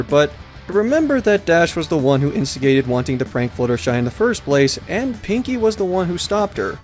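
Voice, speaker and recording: A man giving review commentary, explaining and defending his point. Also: on the high side.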